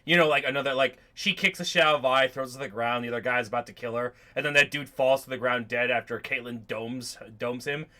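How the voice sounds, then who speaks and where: A man's voice: medium pitch, brisk, few pauses, bright, forceful tone. A man co-hosting a casual reaction chat, rambling, swearing freely and often restarting his sentences. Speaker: podcast co-host.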